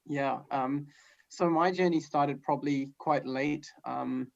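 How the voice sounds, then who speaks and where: A male guest musician from New Zealand chatting casually, relaxed and rambling with many fillers. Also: on the high side, takes it slowly, vocal fry, a crowd in the background. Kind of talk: casual chat. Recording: dull lo-fi sound.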